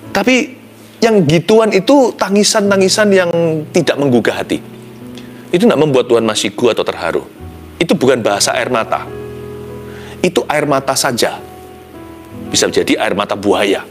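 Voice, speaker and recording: A man preaching a devotional sermon as a pastor, expressive, dropping soft and low then rising to sudden exclamations, slipping English phrases into his talk.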